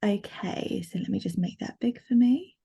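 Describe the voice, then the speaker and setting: A woman's voice: mid-range voice, normal speed, vocal fry, dark tone, slightly rough. A woman sign language interpreter giving a live voice-over of a signed presentation, speaking in first person with frequent fillers and restarts on a video call. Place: online video meeting.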